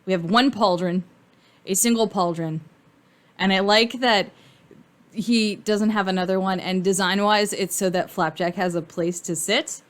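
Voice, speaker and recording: Casually rambling woman, thinking out loud. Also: mid-range voice, steady tone, unhurried. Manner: informal, mildly sweary, thinking out loud. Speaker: fan commentator. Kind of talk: casual rambling commentary on cartoon costume design.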